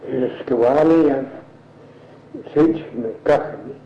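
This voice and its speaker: A man giving halting, hesitant answers as a language informant in an elicitation interview. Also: mid-range voice. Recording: echoey, dull old field recording with faint hiss.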